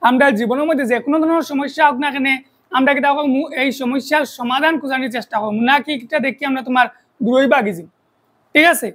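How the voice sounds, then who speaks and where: A woman with a Sylheti accent gives a math lesson for a video, with a high, slightly husky voice. She breaks each idea into small steps and keeps asking her students questions before answering them herself. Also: quick pace, a bit bright, poor audio. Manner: explains step by step, keeps checking with rhetorical questions. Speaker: math teacher.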